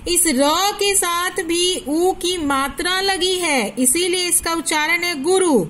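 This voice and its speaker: A woman's voice: very high-pitched, slow, fairly bright tone. A woman teacher giving a recorded lesson to young schoolchildren. She drills word lists patiently and asks questions that she then answers herself. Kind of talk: recorded online Hindi class for first-graders.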